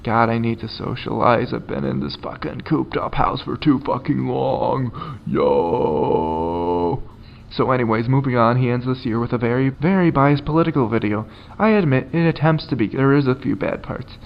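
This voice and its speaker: A man talking through an internet commentary video in a loose, sarcastic way, dropping swear words freely. His voice sits at an ordinary middle pitch. The audio is a little dull and lo-fi. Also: normal speed, creaky. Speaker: commentary YouTuber. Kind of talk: casual profane commentary.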